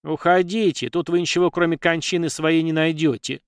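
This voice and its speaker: A man's voice: on the high side, animated, normal speed, no echo. Brief: narrator voicing curt, threatening young man, dry read. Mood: grim. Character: young man, grim, tired, quick to threaten.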